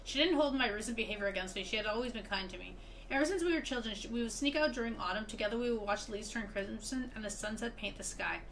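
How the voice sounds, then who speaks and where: A woman reading aloud the diary of a grieving young woman, in a soft, subdued way. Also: fairly high pitch, quick pace, slight background noise, voice pushed down, poor audio. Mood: sorrowful.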